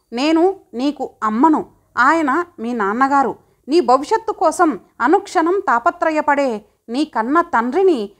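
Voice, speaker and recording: A woman's voice: high-pitched, voice pushed up. A woman voicing a caring middle-aged mother who lectures her son in a pleading tone.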